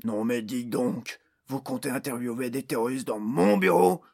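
A man reading an audiobook voices a huge, domineering male orc boss who snarls threats in a husky voice. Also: lowish voice, fairly even intonation, a little slow, fairly bright tone. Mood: furious. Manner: snarling, menacing, bellowing orders.

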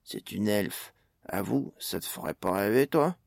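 A cheeky, easygoing gnome, as a man reads him, slangy and unbothered, a touch higher than the narration. The voice has a gravelly grain and sits close and dry. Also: sing-song, unhurried, no echo. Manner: casual, cheeky.

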